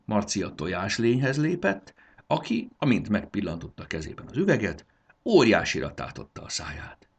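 A man narrating a children's story in an expressive storytelling manner. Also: fairly low pitch, husky.

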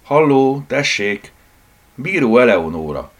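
A man voicing an impatient, anxious young woman in an audiobook, speaking in sharp, raised exclamations with a gravelly edge. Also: medium pitch, big pitch swings, voice pushed up. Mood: irritated.

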